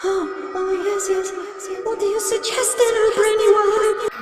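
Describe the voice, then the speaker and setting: A horde of shrill, cackling witches in a storybook reading, eager for blood. The voice is piercingly high and drawn out slowly, with loud music behind it. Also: flat delivery. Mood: gloating. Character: crowd of shrieking, bloodthirsty witches.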